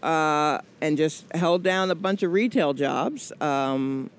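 Speaking slowly in a deep, smooth voice, a woman in her forties from Atlanta, US South, chats as a comedian guest in a casual interview. She rambles and jokes throughout, leaning heavily on fillers.

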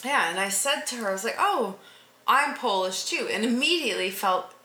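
A woman's voice: on the high side, lively intonation, moderate pace, bright, forceful tone. A woman, reflecting thoughtfully as a podcast co-host. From small town in Alberta, Canada. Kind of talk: casual chat. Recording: roomy echo.

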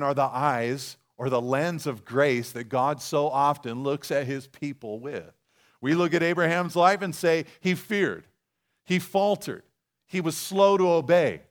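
A man with a fairly high voice preaches in a church. He talks conversationally, asks his listeners questions and reads passages aloud as he goes. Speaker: pastor. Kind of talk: sermon. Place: church sanctuary.

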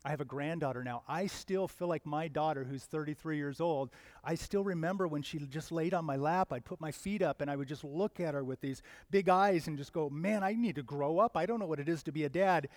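A man in his fifties preaching a sermon in an earnest, conversational way, with sudden loud emphatic swells. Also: fairly high pitch, a little fast, no echo. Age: 50s. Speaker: pastor.

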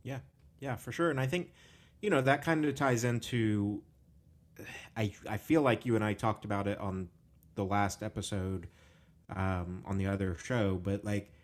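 A man's voice: lowish voice, moderate pace. A man hosting a podcast, talking thoughtfully and casually with plenty of fillers. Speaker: podcast host.

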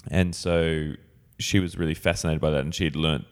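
A man's voice: rumbling low, level tone, fairly quick. An Australian man talking casually as a guest in an interview. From Sydney, Australia. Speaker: improv actor, podcast guest. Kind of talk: casual chat. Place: improv theatre performing room.

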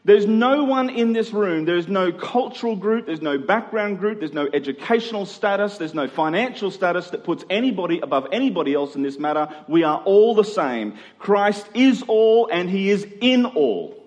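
In an echoey hall with long reverb, an Australian preacher from Queensland addresses his congregation in a large room. His voice sits high and is expressive, moving at normal speed with hardly any pauses. The sermon is earnest and conversational, with phrases repeated for emphasis.

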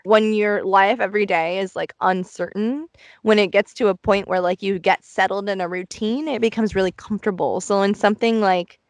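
A woman's voice: medium pitch, steady tone, moderate pace, dry recording. A woman hosting a podcast from inside a small closet, chatting casually, candid and introspective in a rambling, confessional way. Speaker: podcast host. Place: recorded inside a small cluttered closet, dry close sound.

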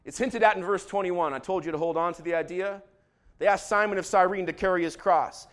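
Man, pastor, sermon, high voice, hushed to loud swings, folksy slang. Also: brisk. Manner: dramatic swings from hushed reading to loud, excited exhortation; folksy slang mixed with scripture.

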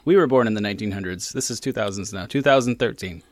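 A man's voice: on the low side, fast talker, no room sound. A man co-hosting a casual food-tasting show, chatting about the taste and sharing trivia between bites. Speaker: co-host.

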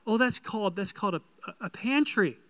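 In a sermon skit, a man plays a flustered modern homeowner who proudly and eagerly explains things in a high, crisp, halting voice. The recording is dry with no room sound, and his intonation is lively and a bit bright.

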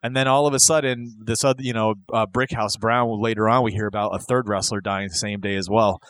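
A man's voice: lowish voice, steady tone, a little fast, fairly bright tone, dry recording. A man co-hosting a podcast, chatting casually about wrestling news and rambling with fillers. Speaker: podcast co-host.

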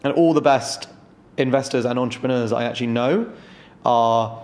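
A man's voice: mid-range voice, moderate pace, darkish tone. Startup founder, male, 30s, frank and loose, casual swearing. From London. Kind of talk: casual interview chat.

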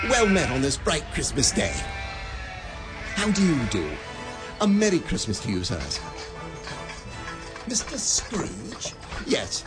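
An actor playing Scrooge, an elderly miser turned giddy and generous, laughing and lively in a radio play. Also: male voice, fairly high pitch. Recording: studio radio drama with faint music.

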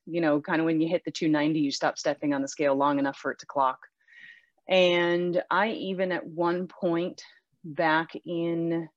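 Low-voiced woman in her forties, chatty. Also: no room sound. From Western Pennsylvania. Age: 40s. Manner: chatty, self-deprecating storyteller. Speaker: guest. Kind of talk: casual interview. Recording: muffled, dull sound.

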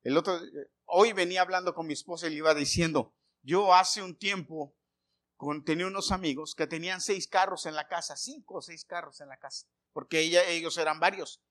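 A middle-aged man preaching a sermon, telling homely stories and firing questions at the congregation, swinging from loud calls to quiet asides. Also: a little high, fairly even intonation, brisk. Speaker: pastor.

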